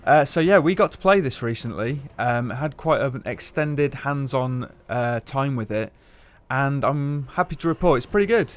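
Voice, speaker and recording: A man, co-hosting a casual chat over gameplay footage, relaxed and chatty with casual swearing. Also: mid-range voice, normal speed, hardly any pauses. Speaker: games journalist, co-host.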